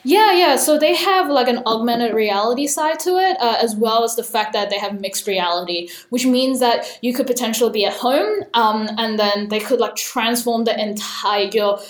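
A woman's voice: fairly high pitch, normal speed, few pauses, roomy sound. A young woman raised in Australia and Hong Kong, talking thoughtfully as an interview guest, with many fillers. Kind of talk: casual interview conversation.

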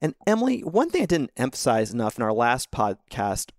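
A man walks through a stock pick in an easygoing, conversational way, with a quick laugh now and then. His voice sits at a middle pitch, recorded close and dry. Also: big pitch swings, dry recording. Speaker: podcast co-host. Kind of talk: casual investing analysis.

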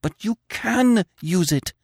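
A man's voice: a little high, big pitch swings, unhurried, darkish tone, no echo, clean studio sound, pitched above the performer's own voice. A man voicing a passionate, scheming young woman who pleads in a breathless, urgent rush. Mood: pleading.

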